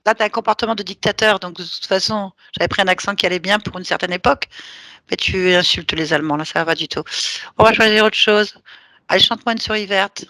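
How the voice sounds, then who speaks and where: A woman's voice: medium pitch, fast talker, sharp tone, dry recording, clean studio sound. A woman leading a hypnosis session, giving firm, teasing commands.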